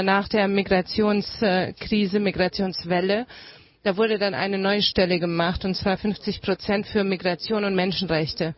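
A woman in her thirties, from Germany, answering questions as an interview guest in a lively, chatty way. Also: medium pitch, muffled recording. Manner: lively, chatty, laughs easily. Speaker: guest, former graduate.

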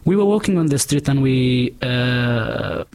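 A man, a guest in a casual interview, telling his story in an unhurried, reflective way. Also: medium pitch, lively intonation, darkish tone, slight background noise. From Kenya.

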